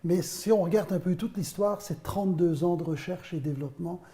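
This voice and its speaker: Belgian-born man with very dark tone. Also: sits high, fairly quick. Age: 50s. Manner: explanatory, storytelling with many hesitations. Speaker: tomato wine producer. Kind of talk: interview answers.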